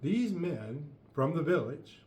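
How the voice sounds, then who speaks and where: A man hosting a talk show, telling listeners a long illustrative story with emphatic jumps in pitch. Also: very animated, slow, darkish tone, roomy sound. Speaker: podcast host.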